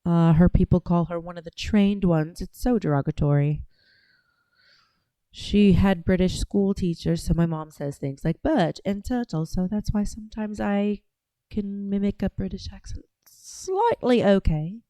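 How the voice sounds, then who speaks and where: A woman from Georgia in the US South hosts a casual livestream, chatting and rambling, often trailing off and starting again. Her voice is on the low side, a little slow and mellow. The recording has no room sound but poor audio quality.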